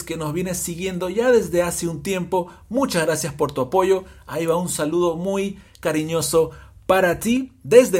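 A man hosting an audio English lesson, explaining grammar step by step and often checking in with his listeners. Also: sits high. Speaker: English teacher. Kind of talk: podcast language lesson.

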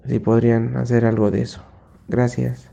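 A man from Mexico leaving a hesitant, halting recorded question for a language podcast. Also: medium pitch, monotone, gravelly, mellow. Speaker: caller.

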